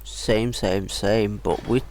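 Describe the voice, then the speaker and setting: A man's voice: fairly low pitch, steady tone, takes it slowly, darkish tone. A man giving casual, chatty gameplay commentary, muttering to himself and to the characters in the game. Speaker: video game streamer. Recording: game music behind the voice. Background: video game music and dialogue.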